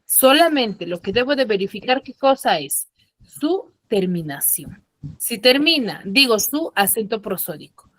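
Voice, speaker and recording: A woman's voice: a little high, big pitch swings, a little slow, fairly bright tone, no echo. A woman teaching an online class, patiently explaining and often checking that her students follow. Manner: patient, asks frequent check questions. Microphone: computer mic on a video call.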